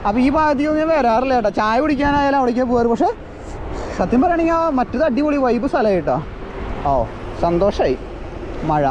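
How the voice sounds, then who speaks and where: A young man from Kerala with a Thrissur Malayalam accent, chatting casually as a delivery rider vlogger and mixing English words into his Malayalam. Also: sits high. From Kerala, India. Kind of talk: casual vlog chat to viewers. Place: outdoors on the road at night. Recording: noisy outdoor street and vehicle sound.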